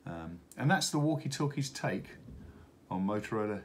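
A middle-aged man with a lowish voice, presenting products for a radio retailer, gives an unscripted unboxing walkthrough at a wooden table in an office. He speaks haltingly with many hesitations, and steady room noise runs in the background.

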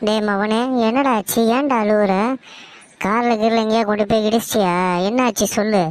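A woman's voice: fairly low pitch, flat delivery, brisk, clean tone, close to an everyday voice. A woman voicing a blunt, commanding older mother-in-law in a cartoon story, with a Tamil Nadu accent. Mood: alarmed.

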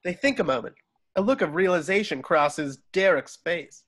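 On a video call from home, a man reads a script's stage directions aloud at a casual online table read. His voice is high and a bit bright, animated, at a moderate pace.

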